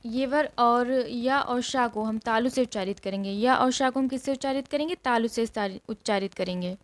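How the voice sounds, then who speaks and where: Woman teacher, high voice, revision lesson, repeats rules, asks the class questions. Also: normal speed.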